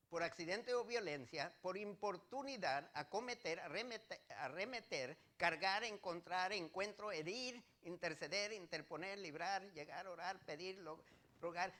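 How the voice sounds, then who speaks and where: High bright-voiced male preacher. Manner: preaching with rising emphasis and direct questions to the congregation. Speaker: pastor. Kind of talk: sermon.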